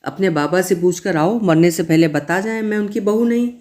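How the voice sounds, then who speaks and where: A defiant village woman hurls challenges at her in-laws in a storybook reading, acted out by a man. The voice sits raised and mellow, fierce but not harsh. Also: high voice, normal speed, pitched above the performer's own voice, lightly acted.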